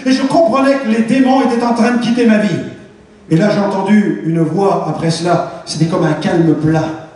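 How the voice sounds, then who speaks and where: A man's voice: high-pitched, steady tone, moderate pace, a little mellow. A man giving a fervent, dramatic testimony sermon in a large church hall. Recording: echoey hall, distant mic.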